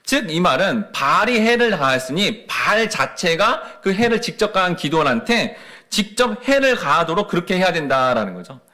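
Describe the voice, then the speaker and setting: Animated Korean pastor preaching. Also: male voice, sits high, normal speed, hardly any pauses. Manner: rhetorical questions to the congregation; animated, rising and falling emphasis. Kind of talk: sermon.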